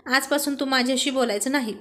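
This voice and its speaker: A woman's voice: high voice, fairly even intonation, fast talker, fairly bright tone. A woman voicing a touchy young man who argues back sharply in a spoken story. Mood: sulky.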